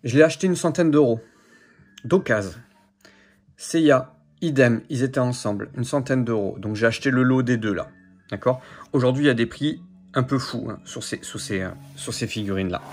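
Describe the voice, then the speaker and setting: A man's voice: mid-range voice, expressive, normal speed, a little hiss or hum. A man casually showing his figure collection to camera, chatty and rambling, full of fillers and repeats. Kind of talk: casual unboxing chat to camera.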